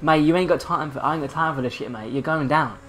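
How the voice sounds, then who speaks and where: A young man giving casual, excitable gameplay commentary, swearing and laughing often. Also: a little high, fast talker, noisy background. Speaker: gaming channel host.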